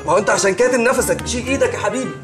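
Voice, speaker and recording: A man's voice: extremely high pitch, very fast, over music. An actor with an Egyptian accent playing a young man who keeps coaxing and reassuring a panicking friend in a sitcom. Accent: Egyptian Arabic. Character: soothing young man calming a stoned friend.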